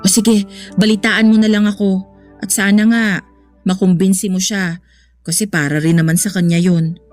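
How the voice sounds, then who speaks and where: In a radio drama, an actress plays a caring, sensible young woman consoling her troubled boyfriend, speaking earnestly and reassuringly. Her voice is mid-range, steady, moderately paced and a little mellow, close to an everyday voice, with faint music behind.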